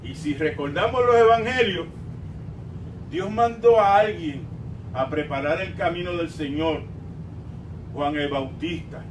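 Standing at the pulpit of a small church, an older male pastor delivers a forceful sermon in Puerto Rican–accented Spanish. He alternates stretched-out, emphatic lines with softer asides, captured by a far-off mic in a roomy space with low rumbling noise.

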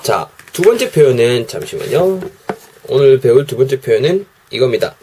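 A man teaching English expressions in a daily video lesson, explaining gently and repeating each phrase slowly. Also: mid-range voice, expressive, husky.

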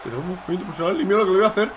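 A young man from Spain with a Spanish accent, giving loud, excited commentary on his own gameplay, shouting and swearing at his opponent. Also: high-pitched, rapid-fire, crowd noise. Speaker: gaming YouTuber.

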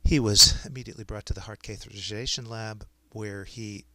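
A man with a fairly low, crisp and forward voice is dictating clinical notes to software. He speaks his punctuation aloud, and the sound is close and dry. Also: fairly even intonation, fairly quick, dry recording. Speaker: software demonstrator.

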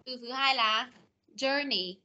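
A woman teaching English online, modeling words slowly and correcting students patiently. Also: high-pitched, bright, forceful tone, highs cut off, slight background noise. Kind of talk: online class pronunciation drill. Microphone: computer mic on video call.

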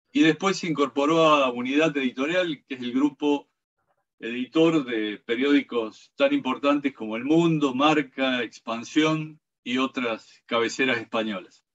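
A man's voice: medium pitch, a little slow. Formal male host reading an introduction. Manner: steady, formal, read-aloud delivery. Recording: dull lo-fi sound.

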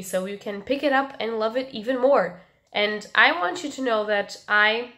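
A young woman with a stuffed, nasal voice and little voice left, chatting casually in a book review vlog and pausing to breathe. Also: a little high, a bit bright. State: stuffed nose, losing her voice. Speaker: book vlogger.

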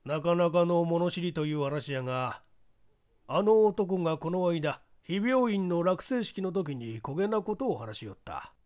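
A man's voice: a little high, lively intonation, unhurried, darkish tone, voice pushed up. Man voicing a pompous old police chief. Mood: boastful. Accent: Kyushu dialect. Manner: gruff, drawling, self-important. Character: portly older male police chief, pompous.

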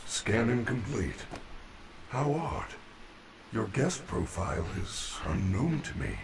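An actor playing a gentle, caring robot mascot bear in a video game, speaking in calm, formal, kindly robotic phrases. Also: male voice, mid-range voice, slow pace, gravelly, background noise, full character voice. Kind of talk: video game character dialogue.

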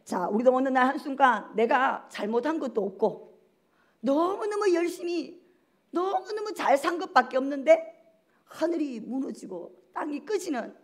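High-voiced woman preaching emphatically. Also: expressive, normal speed. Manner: emphatic, rhetorical questions to the congregation. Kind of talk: sermon.

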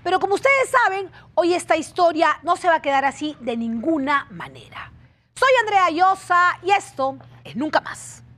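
A woman with a high voice hosts a television talk show. She drives her points home with emphatic, repeated phrases. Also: sing-song, normal speed, fairly bright tone. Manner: emphatic, dramatic repetition. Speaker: TV show host.

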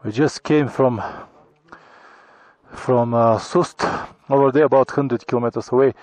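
A middle-aged Bulgarian biker talks informally to the camera on a high mountain pass, his English hesitant, appreciative and full of false starts. He has a medium-pitched, slightly mellow voice with no echo. A helmet or handheld action camera records him outdoors.

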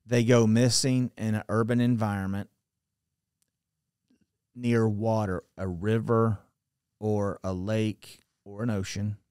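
A middle-aged man telling a story on a podcast in a book-lined study, speaking into a boom mic, animated and given to restarts, his voice dropping quietly at the ends of phrases. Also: smooth, no room sound, studio quality. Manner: animated, gestures a lot, restarts and trails off quietly. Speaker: podcast guest. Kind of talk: storytelling conversation. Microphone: studio mic on a boom arm.

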